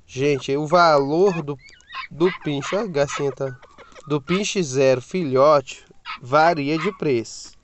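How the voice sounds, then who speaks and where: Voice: medium pitch, takes it slowly. A pet vlogger with a Brazilian Portuguese accent, chatting casually to viewers from inside a car and cooing at the puppies now and then. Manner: chatty, repeats itself, coos at the puppies. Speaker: pet video host. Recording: loud background noise of crying puppies. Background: whimpering puppies.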